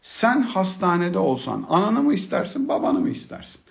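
Middle-aged male storyteller: gravelly voice, very animated delivery, humorous and colloquial, drops to hushed tones then gets excited. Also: high-pitched, moderate pace. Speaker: speaker telling a personal story about fatherhood. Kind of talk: storytelling talk.

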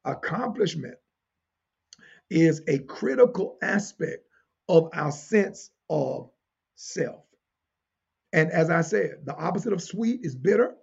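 A preacher gives a teaching sermon in a high, strongly hoarse voice thick with gravelly creak, yet expressive and darkish in tone. His delivery is deliberate and emphatic, returning to key phrases and posing questions to the congregation. The recording comes across as somewhat dull.

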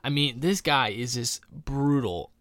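A man's voice: mid-range voice, a little slow, a bit bright, no echo. A man co-hosting a podcast in casual chat, ranting animatedly with many restarts. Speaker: podcast co-host.

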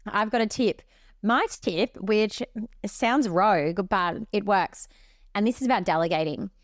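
A woman's voice: mid-range voice, unhurried, no room sound, studio quality. A woman co-hosting a podcast in casual chat, blunt and swearing offhandedly while giving advice. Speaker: podcast co-host.

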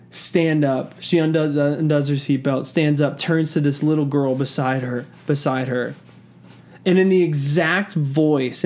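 Man telling an animated story. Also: fairly high pitch. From Southern US. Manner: animated storyteller, joking asides. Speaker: podcast co-host. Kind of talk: casual chat.

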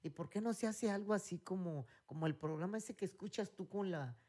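A man's voice: high-pitched, fairly quick, dark tone. Rambling Mexican man telling stories. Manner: rambling storyteller, many fillers and restarts. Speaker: podcast co-host. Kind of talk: casual chat.

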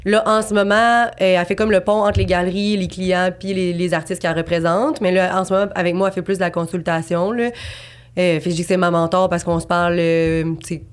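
A woman's voice: lowish voice, flat delivery, quick pace, smooth. A woman aged twenty-eight with a Quebec French accent, talking casually and at length as a guest artist in an interview, with lots of fillers and restarts. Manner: chatty, rambling, many fillers and restarts.

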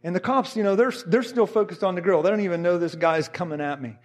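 A middle-aged man with a high voice preaches by telling a story. He is animated and mimics the people he describes, bringing their words to life as he goes. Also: fast. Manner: animated, acts out quotes of others. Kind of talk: sermon storytelling.

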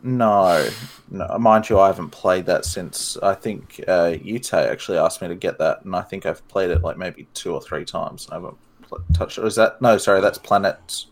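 A man's voice: low-pitched, moderate pace. An Australian man chatting casually on a podcast in a rambling, occasionally sweary way.

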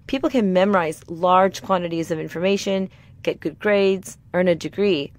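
A middle-aged woman hosting a podcast. She reads a scripted talk in a calm, measured way, and a sore throat leaves her voice slightly raspy. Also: fairly low pitch. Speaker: podcast host.

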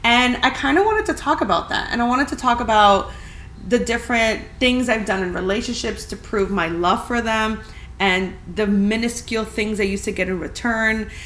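A woman's voice: on the high side, normal speed, fairly bright tone. A young adult woman hosting a casual solo podcast, talking in a chatty, candid way from a big, empty apartment that gives her voice a big echoey room sound. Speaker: podcast host. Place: spacious, empty apartment indoors. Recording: echoey room with faint background hiss.

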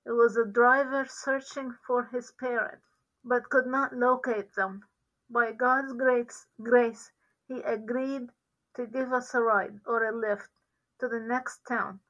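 A woman's voice: a little high, steady tone, slow pace, fairly bright tone, low-quality recording. A middle-aged woman from Lebanon, a guest giving an earnest, careful faith testimony.

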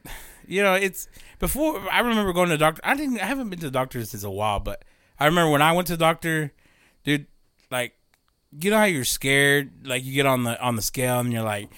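A man's voice: fairly high pitch, animated, fast talker, pushed and bright, clear, resonant tone, no room sound, studio quality. A man in his thirties hosting a casual podcast, out of breath and rambling with frequent laughs. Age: 30s. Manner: rambling, laughing, self-mocking. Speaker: podcast host.

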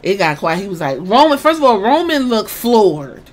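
A woman excitedly retelling a wrestling press conference in casual, profane storytelling, acting out what each man said. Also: medium pitch, moderate pace. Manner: excited, swears a lot, acts out quotes.

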